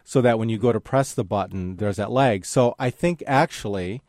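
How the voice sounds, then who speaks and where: Relaxed man explaining over a dry studio mic. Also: lowish voice, normal speed, no echo. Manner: explanatory, relaxed, many fillers. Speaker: radio guest expert on photography. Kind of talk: casual call-in radio chat. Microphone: studio microphone.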